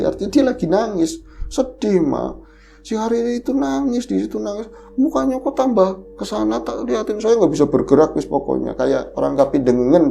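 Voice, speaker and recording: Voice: mid-range voice, vocal fry, mellow, slight background noise. A podcast host animatedly retelling a horror story in casual chat, the voice leaping up at the scary moments.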